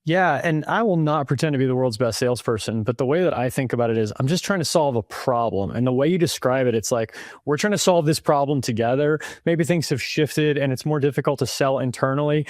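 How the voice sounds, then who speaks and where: A man's voice: medium pitch, no room sound, studio quality. A man hosting a podcast, chatting casually and self-deprecatingly with his guest about sales. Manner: fast, self-deprecating, conversational. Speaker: podcast host. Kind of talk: casual interview talk.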